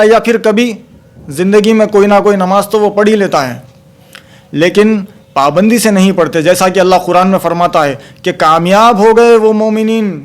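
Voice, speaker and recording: A man giving a religious talk for a video, preaching emphatically, reciting Arabic verses slowly and adding frequent exclamations of praise. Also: high voice. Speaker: Islamic preacher.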